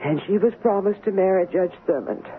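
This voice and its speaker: An actress playing a gentle, sorrowful older woman servant, speaking in dialect in an old radio play. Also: medium pitch, natural voice. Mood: grave. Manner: dialect speech, slow and tender. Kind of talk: 1940s radio acting. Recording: tinny old radio broadcast with faint hiss.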